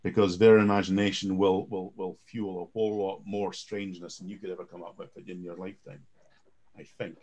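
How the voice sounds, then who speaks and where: A man on an online panel talking casually, halting and repeating words as he restarts. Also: sits low, little pitch movement, a little mellow. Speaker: panel speaker on game mastering.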